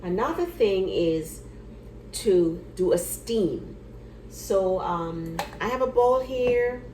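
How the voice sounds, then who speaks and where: A retired nurse, now an older woman, chats casually at home in a demonstration video, going through a simple remedy step by step and often repeating herself. Her mid-range voice is expressive, slow and darkish in tone. The room is echoey, with a faint background hiss.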